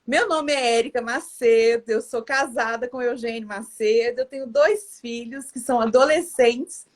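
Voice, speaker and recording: A woman's voice: a little high, moderate pace. A woman, hosting a live stream in a chatty way with many fillers and restarts. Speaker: live stream host, educator. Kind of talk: casual live stream chat.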